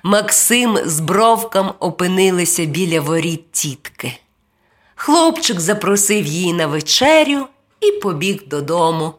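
A woman narrating a children's storybook in a gentle, expressive way. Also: fairly low pitch, a little slow.

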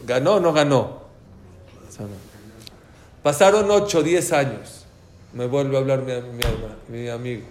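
A man gives a storytelling religious lesson and slips into the voices of the people in his anecdotes. His voice sits at a middle pitch. The room is echoey, with a faint hum of ambient noise behind him. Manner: animated, acts out dialogue in stories. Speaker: religious teacher. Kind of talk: storytelling lecture.

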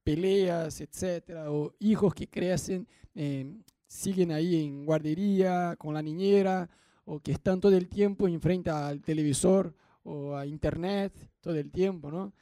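Man, young, Rioplatense Spanish accent, high voice, mellow, dry sound, chatty sermon. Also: fairly even intonation, measured pace, dry recording. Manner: conversational, asks the congregation questions. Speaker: pastor.

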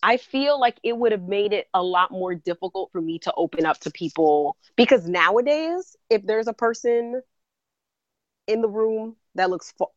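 A woman's voice: medium pitch, expressive, moderate pace, dry recording, lo-fi sound. A woman co-hosting a podcast, talking candidly and reflectively in casual chat, laughing often. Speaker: podcast co-host.

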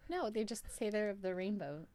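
A woman's voice: mid-range voice, lively intonation, fairly quick, mellow. A woman co-hosting a podcast, chatting casually and rambling with lots of fillers and laughs. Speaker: podcast co-host. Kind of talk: casual chat.

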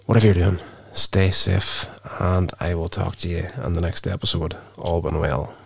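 A man's voice: sits low, steady tone, moderate pace. A man hosting a casual solo movie podcast, thinking aloud hesitantly, with a wheezy, chesty voice that sounds sick and just woken up. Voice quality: wheezy, gravelly. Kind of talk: casual solo podcast talk, rambling film review.

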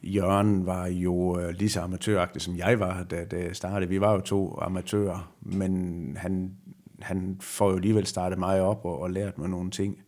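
A middle-aged man, a former rally driver, answering interview questions slowly and reflectively, often pausing to find his words. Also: low voice, level tone, darkish tone. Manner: slow, reflective, halting. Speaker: retired rally driver as guest. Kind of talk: conversational interview.

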